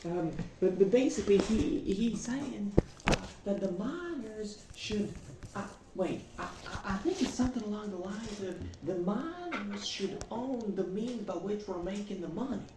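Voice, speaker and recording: A woman's voice: medium pitch, animated, a little slow. Woman doing a folksy drawling union miner. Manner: folksy put-on drawl with many fillers and restarts. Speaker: tabletop game player. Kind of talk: in-character speech at a tabletop game. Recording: echoey room, distant mic, noisy.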